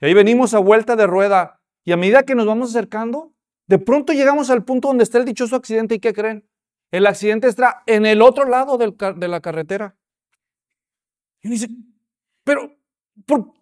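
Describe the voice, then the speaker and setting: A man preaching a sermon as a pastor, telling the story with animated, acted-out voices. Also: sits high, brisk.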